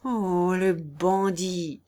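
A jittery, excitable bailiff from a storybook, crying out in loud, drawn-out wails, as a woman reader puts him on. The voice sits high and carries strong emphasis. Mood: agitated. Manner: shrill, drawn-out exclamations. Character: timid, excitable middle-aged male bailiff.

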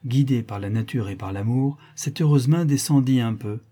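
A man narrating a classic novel as an audiobook, in a measured storytelling manner. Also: mid-range voice, warm tone, breathy edge.

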